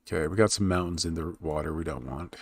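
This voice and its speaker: Talking fast, a man with a deep, gravelly voice chats casually on stream as he works on a map, mumbling to himself before speaking up to his chat. There's no room sound, just close, dry audio with typing and clicking behind him.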